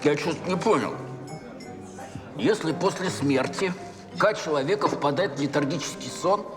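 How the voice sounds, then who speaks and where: An actor playing a curious, colloquial gentleman in a period detective series. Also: on the high side, animated, moderate pace, lightly acted. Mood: puzzled. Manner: colloquial, inquisitive. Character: curious, puzzled period gentleman drinking and asking questions. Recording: reverberant hall with music behind.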